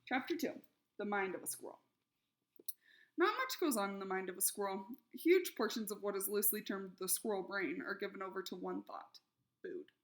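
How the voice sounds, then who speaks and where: A woman reading a children's novel aloud, expressive and lively in the characters' shouted lines. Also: medium pitch, moderate pace. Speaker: reader.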